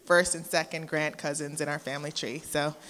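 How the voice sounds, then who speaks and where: Even-voiced woman giving a toast. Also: low-pitched, fairly quick. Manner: plain, even and matter-of-fact. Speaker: bride's cousin giving a toast. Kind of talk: brief wedding toast. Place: wedding reception hall.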